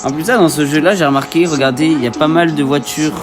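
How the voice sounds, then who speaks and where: A man's voice: a little high, fairly even intonation, fast talker, over music. A young man giving casual, joking gameplay commentary with street slang and talking straight to his viewers. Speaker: gaming video creator. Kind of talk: let's play gameplay commentary.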